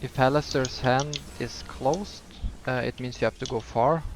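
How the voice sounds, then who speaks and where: A man with a lisp and a nasal voice, giving a casual, halting game walkthrough. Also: mid-range voice, steady tone. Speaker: gamer giving a healer guide. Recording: clear background noise, keyboard typing.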